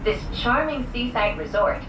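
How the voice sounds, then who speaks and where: A woman making a scripted ride announcement with a lively, cheerful and carefully paced delivery, played over an outdoor loudspeaker in a cable car cabin. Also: on the high side, unhurried. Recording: echoey, distant loudspeaker under loud cabin and vehicle noise.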